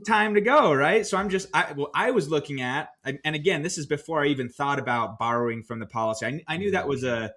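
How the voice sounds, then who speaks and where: A man co-hosting a podcast, recounting his own finance choices in a relaxed, storytelling way with plenty of fillers. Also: on the high side, fast talker, hardly any pauses. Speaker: podcast co-host. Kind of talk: casual podcast discussion.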